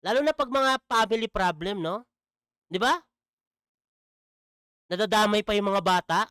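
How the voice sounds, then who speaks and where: A man's voice: high-pitched, unhurried, sharp tone, clear, resonant tone, no echo, clean studio sound. A man commenting in a casual vlog, mocking and asking "di ba?" again and again. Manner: mocking, repeats "di ba?". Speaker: vlogger.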